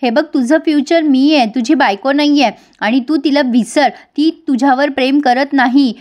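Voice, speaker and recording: A woman's voice: high voice, normal speed, a little mellow, close to an everyday voice. A woman voicing a pushy, jealous young woman who talks in a whiny, coaxing way.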